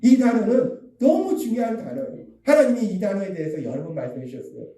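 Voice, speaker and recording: A man's voice: high-pitched, very animated, fast, dark tone. A man preaching a Sunday sermon, emphatic, repeating key phrases and acting out the lines he quotes. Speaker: pastor. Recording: echoey room, voice from a distance.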